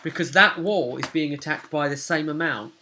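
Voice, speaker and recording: Here a twentysomething game master and host talks casually about a tabletop session, picked up by a webcam held at arm's length indoors in a small home room. He speaks at normal speed with a fairly high, sharp voice, and there's a little hiss or hum.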